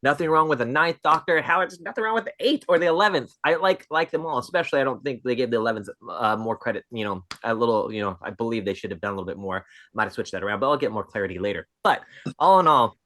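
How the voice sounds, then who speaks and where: A man chatting as a livestream guest, telling stories in an excitable, animated way. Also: medium pitch, fast talker, no room sound, clean studio sound. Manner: excitable, animated storytelling with big swings. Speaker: podcast guest. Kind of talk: casual livestream chat.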